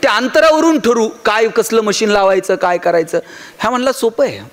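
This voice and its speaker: A motivational speaker with a high voice talks at a normal speed. He tells stories, acts out dialogue, and asks the audience rhetorical questions.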